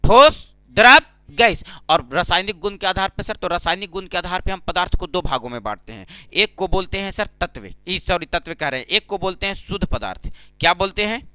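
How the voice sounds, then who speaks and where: A man's voice: sits high, lively intonation, brisk, bright, forceful tone, clear, resonant tone, no room sound. A man teaching an exam-prep lesson, who asks his own questions and answers them, repeating key terms. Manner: calls students "sir" and "babu". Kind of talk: exam-prep classroom lecture.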